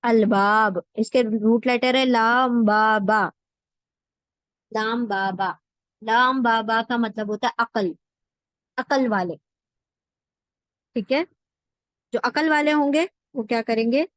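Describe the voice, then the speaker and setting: A woman teacher with a fairly high voice talks very slowly and patiently, repeating each word so her students can follow. Her sound is close and dry, with almost no room around it. She breaks every meaning down step by step. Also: fairly bright tone, no echo. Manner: slow, repeats words and meanings for drilling. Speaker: Quran word-by-word translation teacher. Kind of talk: patient classroom explanation with repetition.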